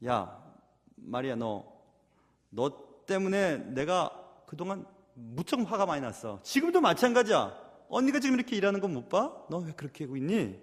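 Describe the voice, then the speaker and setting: A man's voice: on the high side, sing-song, normal speed. A man voicing a resentful, overworked older sister who complains in an aggrieved, pleading way. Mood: scolding. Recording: echoey hall reverb.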